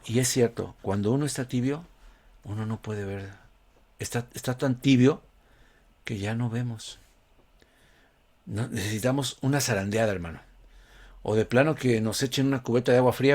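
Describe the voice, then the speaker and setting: A man's voice: mid-range voice, a little mellow. A man delivering a conversational sermon, often calling his listeners "brother" and asking them rhetorical questions. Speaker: preacher.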